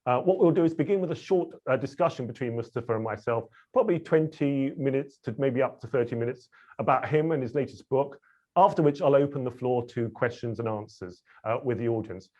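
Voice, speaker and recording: A man hosts a webinar in a warm, mid-range voice, talking fairly quickly. He is chatty and a little self-deprecating, uses lots of fillers, and comes through a dull, lo-fi video call connection.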